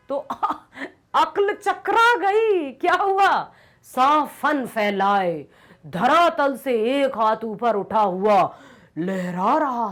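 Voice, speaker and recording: A woman teacher reads a story aloud and explains it as she goes, stopping to put questions to her students. Her fairly high voice swings widely in pitch, and she tells the story with drama. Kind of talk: reading and explaining a Hindi story lesson.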